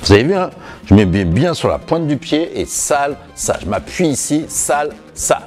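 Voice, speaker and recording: A man's voice: on the high side, a little slow, faint music behind. A man teaching a salsa routine at home, counting the steps aloud and encouraging viewers. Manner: lively, encouraging, counts beats with sung emphasis.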